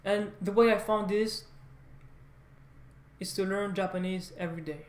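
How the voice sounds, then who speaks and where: In an echoey room, a French-speaking language learner with a high voice delivers an unscripted vlog monologue. His intonation is fairly even, and he rambles, stumbling, repeating words and often correcting himself.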